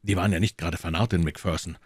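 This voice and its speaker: A man's voice: sits low, fairly even intonation, rapid-fire, slightly rough, dry recording, clean studio sound. A man doing a prying police inspector. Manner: pressing, questioning. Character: doubtful, eager middle-aged police inspector.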